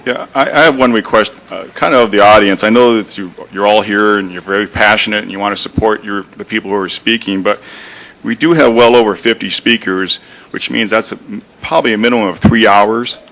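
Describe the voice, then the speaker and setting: A man's voice: lowish voice, fairly even intonation, fairly quick, fairly bright tone, low-quality recording. A county supervisor, a man, earnestly asking a crowded public hearing for restraint, with small restarts as he talks. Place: crowded public meeting room.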